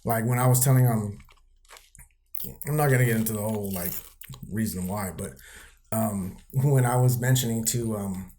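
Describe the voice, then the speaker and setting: A man's voice: fairly low pitch, normal speed, long pauses, mellow, a little hiss or hum. A man in a casual podcast chat, telling candid stories laced with profanity and acting out what people said. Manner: acts out quoted people mid-story.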